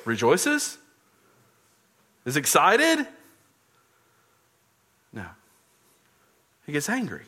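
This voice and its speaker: A man's voice: fairly high pitch, wildly swooping pitch, drawn-out words, pauses often, sharp tone. A man preaching a sermon, earnestly explaining scripture and often repeating words as he goes.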